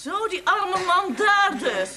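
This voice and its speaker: An imperious baroness. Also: female voice, extremely high pitch, big pitch swings, slow pace, a loud crowd, exaggerated voice. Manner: imperious, grand. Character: haughty commanding old baroness. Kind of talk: 1960s TV comedy acting. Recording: old VHS television audio, faint hiss.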